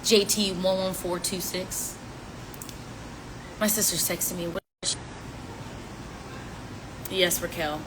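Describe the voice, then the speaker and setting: Slow and steady, with long pauses, a lowish-voiced woman in her twenties teases and chats casually as she fields fan questions with playful rhymes. The audio comes from a phone live stream, background noise included.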